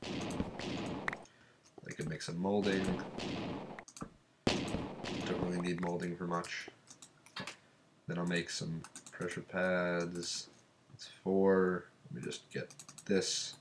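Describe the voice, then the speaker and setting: A man's voice: low voice, steady tone, very slow, long pauses, background noise. A man with a stuffed-up cold giving casual let's-play commentary, rambling and thinking aloud while he counts and crafts. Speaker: gameplay commentator.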